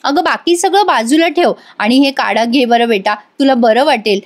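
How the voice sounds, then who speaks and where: A woman voicing a caring older sister who gently coaxes her younger sibling, in a retold TV serial. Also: high voice, normal speed, close to an everyday voice. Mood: pleading. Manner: pleading, coaxing.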